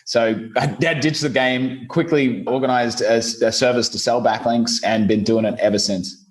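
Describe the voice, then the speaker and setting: A man from Australia with an Australian accent, a guest on a podcast, speaking slowly and casually with many "you know"s. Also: mid-range voice. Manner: relaxed and deliberately slowed, with fillers like "you know". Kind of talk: casual interview talk. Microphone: remote call recording.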